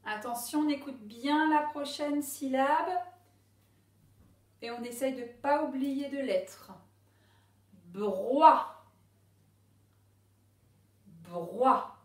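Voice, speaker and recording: A woman teaching a reading lesson to young pupils, speaking slowly and sounding out each syllable clearly. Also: high-pitched, darkish tone. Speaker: primary school teacher. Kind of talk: slow classroom reading lesson. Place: classroom with a board. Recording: echoey room, voice a bit far from the mic.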